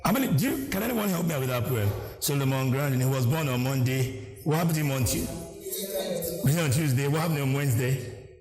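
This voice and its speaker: A man's voice: mid-range voice, lively intonation, a little fast. A man hosting a reality show on stage, playful and theatrical, with joking banter. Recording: echoey hall, music behind. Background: music.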